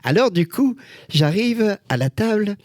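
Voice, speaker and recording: An older man, a guest, telling lively anecdotes with exclamations and quick voice changes. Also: sits high, no room sound, clean studio sound. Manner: expressive storyteller, many voices and exclamations. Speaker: guest, celebrity lookalike. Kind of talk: animated anecdotal chat.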